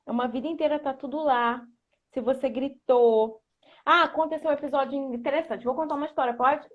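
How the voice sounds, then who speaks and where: A woman explaining how young children learn and telling a family anecdote in an animated, conversational way. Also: high-pitched, a little fast, phone-quality sound. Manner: animated, lots of "né".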